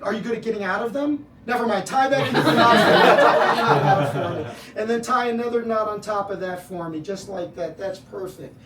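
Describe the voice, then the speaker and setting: A man's voice: high-pitched, normal speed, hardly any pauses. A man performing as a birthday party magician, with joking, teasing patter aimed at his volunteers. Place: indoor party room with guests. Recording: echoey room, distant mic, noisy audience. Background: guests laughing and reacting.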